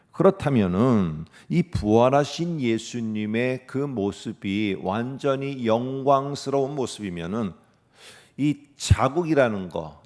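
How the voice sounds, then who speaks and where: Man, middle-aged, pastor, sermon, mid pitch, rhetorical questions. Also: darkish tone. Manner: measured preaching with rhetorical questions.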